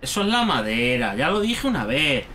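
A man from Spain with a Spanish accent, giving excitable, swear-heavy commentary while playing a horror game. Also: medium pitch, moderate pace, soft background music. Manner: excitable, swears a lot, talks to himself. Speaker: gaming YouTuber. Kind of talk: let's play commentary.

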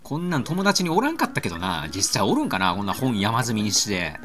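A man with a Kansai accent commentates on a game, joking crudely and getting excited. His voice is bright and swings widely in pitch. Game music plays faintly underneath. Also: quick pace. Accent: Kansai Japanese. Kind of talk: let's-play commentary.

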